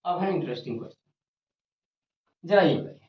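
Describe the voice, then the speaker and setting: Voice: medium pitch, expressive, a little fast. A teacher giving a grammar lesson at a board, repeating each point and asking and answering questions. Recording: roomy, dull lo-fi recording.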